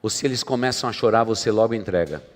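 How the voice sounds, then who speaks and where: A man preaching a sermon as pastor, dramatic, swinging between loud emphasis and quiet asides. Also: on the low side, fast talker. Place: church sanctuary. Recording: long hall reverb from church.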